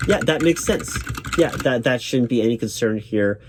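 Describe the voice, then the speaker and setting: A man role-playing a job interviewer, reassuring and accommodating, halting and repeating his words as he goes. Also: medium pitch, expressive. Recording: lo-fi, noisy, clacking keyboard typing. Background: computer keyboard typing.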